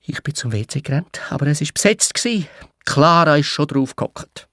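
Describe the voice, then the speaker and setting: A man's voice: on the high side, expressive, moderate pace, no room sound. A man with a Swiss German accent narrating a children's audio story in a playful, childlike first person. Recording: dry studio read with soft music.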